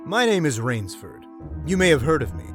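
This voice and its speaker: A man voices a self-assured big-game hunter who brushes off fear with brisk, scoffing lines. His pitch swings widely as he talks, in old-time radio style, with music running underneath. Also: very animated. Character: confident adult male big-game hunter, dismissive of fear. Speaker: narrator and lead character.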